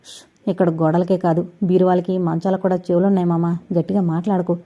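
Give me a woman playing a determined young heiress, earnest and pleading, with a dark, warm tone. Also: mid-range voice, brisk, close to an everyday voice. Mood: calm.

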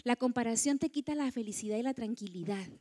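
High-voiced woman giving a talk. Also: quick pace. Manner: warm lecturing, acts out quoted voices, asks audience. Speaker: conference speaker. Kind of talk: motivational talk to women.

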